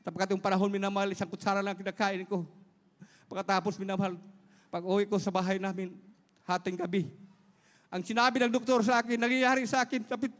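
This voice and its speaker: A man's voice: high voice, flat delivery, fast talker, big-room sound. A middle-aged man from Surigao, Philippines, giving an emotional church testimony, earnestly addressing listeners as beloved. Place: large church hall.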